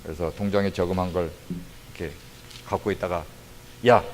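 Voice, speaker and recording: A man preaching a testimony sermon as a missionary, telling his story with lively acted-out quotes. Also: low-pitched, brisk, slight background noise. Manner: animated storytelling, acts out quoted voices. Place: church sanctuary. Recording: long hall reverb.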